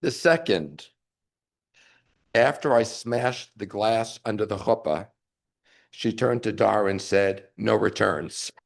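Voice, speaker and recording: A man in his sixties giving an emotional, wry eulogy for his mother at a funeral service. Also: on the low side. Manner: emotional, wry, measured delivery. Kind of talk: memorial eulogy.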